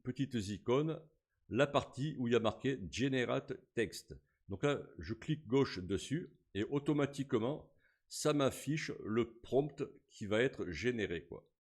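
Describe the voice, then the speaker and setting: A man, casually talking through a software tutorial step by step, with frequent fillers as he clicks. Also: medium pitch. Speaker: tutorial host. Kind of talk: screen-recorded software tutorial.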